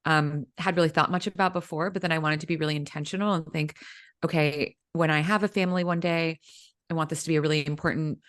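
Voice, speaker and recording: A woman in her thirties who grew up speaking Vietnamese talks fast in a low-pitched, steady, fairly bright voice. As an executive coach guesting on a casual interview, she's chatty and keeps using fillers such as "um" and "you know."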